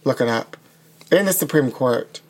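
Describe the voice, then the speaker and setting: A man's voice: medium pitch, lively intonation, normal speed, darkish tone. A man co-hosting a comedy podcast, signing off in a campy, theatrical, playful way. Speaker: podcast co-host. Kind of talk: improvised comedy sketch and sign-off.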